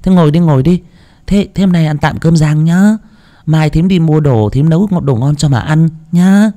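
Man doing a shrill scolding village aunt. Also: very animated, a bit bright, heavily acted. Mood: coaxing. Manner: scolding, nagging, rapid-fire. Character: shrill sharp-tongued village aunt, middle-aged woman.

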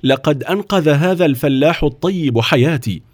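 Storybook noble boy, young and alarmed, pitched well up, as a male narrator puts him on. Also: expressive, brisk, a little mellow, breathy edge, no room sound. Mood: relieved. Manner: alarmed, pleading. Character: frightened young boy, son of a count.

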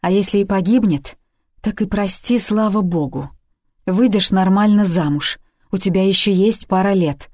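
A woman's voice: medium pitch, normal speed, darkish tone, dry recording, studio quality, natural voice. A woman reading the part of an aging, worried mother who speaks curtly and reproachfully in a story. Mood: cold. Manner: curt and reproachful, then sobbing laments.

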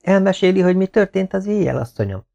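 A man doing a brisk, blunt maidservant. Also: high voice, very animated, gravelly, dark tone, muffled recording, voice pushed up, exaggerated voice. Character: blunt, knowing female servant.

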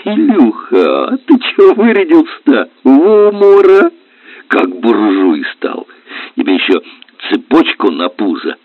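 A man voicing a gruff, grumbling middle-aged helmsman with rough, mocking speech, read for a storybook. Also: fairly low pitch, big pitch swings, measured pace, dry recording, heavily acted. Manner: sullen, mocking, rough colloquial. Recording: tinny dry lo-fi audio.

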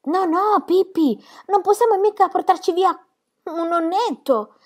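A woman's voice: extremely high pitch, a little slow, voice pushed up. A woman reading aloud, voicing a sensible young boy who protests emphatically. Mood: protesting.

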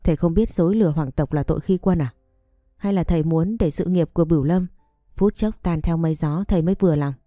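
A woman reading the lines of a calm, firm young male noble in a measured, gentle way. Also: low-pitched, no echo, natural voice. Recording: dry close recording, faint music behind.

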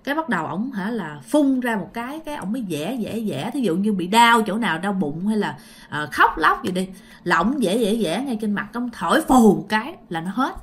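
A woman telling a ghost story in a casual, animated way, often addressing her listeners directly. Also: medium pitch, brisk.

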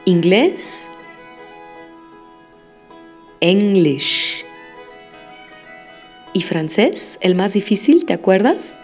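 A woman teaching a language lesson, modeling words slowly and praising the listener after each repetition. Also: mid-range voice, big pitch swings, a little mellow, soft background music. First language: Spanish. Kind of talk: slow, patient language lesson with repetition drills.

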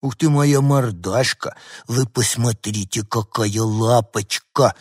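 A man's voice: medium pitch, takes it slowly, breathy edge, dry recording, clean studio sound. A man voicing a doting middle-aged woman cooing over her pet dog in a storybook reading. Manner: cooing, sing-song.

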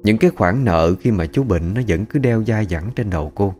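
Guy telling a ghost story, low voice, chatty, faint music underneath. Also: expressive, moderate pace, darkish tone. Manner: colloquial, chatty.

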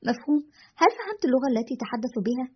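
A frightened young woman calling into a radio show, as a woman reader puts her on sounds anxious and pleading. The voice sits fairly high with a husky edge and races along, heard through a dull, lo-fi recording. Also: animated, rapid-fire.

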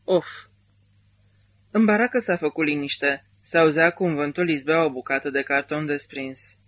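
A male narrator reads an audiobook in a steady, somber way. His voice is bright and a little high. The recording is dull and lo-fi.

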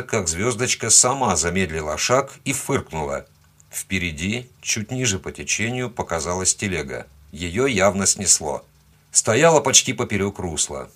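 A man's voice: low voice, a bit bright. A man narrating a first-person story as an audiobook, telling it expressively and giving the quoted lines their own tone.

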